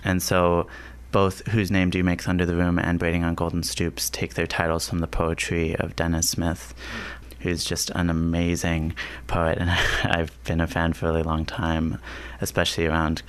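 A man from Washington, D.C. talking as a composer guest in an interview, pausing and restarting phrases as he searches for words. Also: low voice, completely flat delivery, clean tone. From Washington, D.C., USA. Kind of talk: thoughtful conversational interview.

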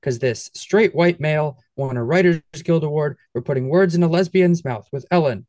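A man with a fairly high voice hosts a comedy podcast, reeling off wordplay in a theatrical, jokey delivery. The sound is dry and close, with no room in it. He keeps a playful showman's tone throughout. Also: normal speed, darkish tone, no room sound. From United States. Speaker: podcast co-host. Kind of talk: scripted pun-filled introduction and casual chat.

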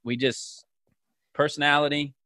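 A man's voice: fairly high pitch, flat delivery, measured pace, bright, forceful tone, dry recording. A man co-hosting a podcast, chatting casually and teasing his friends playfully. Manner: playful teasing, mock hype-man delivery. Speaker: podcast co-host. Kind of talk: casual chat.

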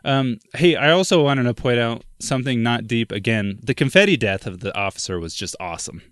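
With a medium-pitched, expressive, slightly bright voice, a young man keeps a brisk pace while co-hosting a casual film discussion podcast. Frequent laughs and plenty of "like" and "dude" mark his talk, and the recording is dry and clean, studio style.

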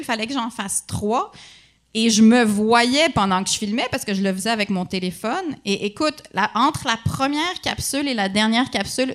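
Une femme du Québec, invitée humoriste, à l'accent québécois teinté de français de Paris, qui parle de façon vive et taquine dans une conversation de balado décontractée. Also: female voice, on the high side. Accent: Quebec French, with a partly Parisian French tinge. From Quebec. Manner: lively, playful, teasing jokes and mock outrage. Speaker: podcast guest, comedian. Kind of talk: casual podcast conversation.

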